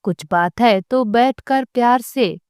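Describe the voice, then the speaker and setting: A woman voicing a frail, anxious elderly mother-in-law who speaks softly with a trembling voice. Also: fairly high pitch, takes it slowly, smooth, dry recording, studio quality. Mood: pleading, gentle. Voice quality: trembling, soft-spoken.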